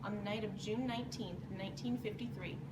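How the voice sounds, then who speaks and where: A woman's voice: medium pitch, fairly even intonation, brisk. Female student reporter, very noisy distant recording. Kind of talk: scripted narration of a history report. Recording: distant mic, echoey room, loud background noise.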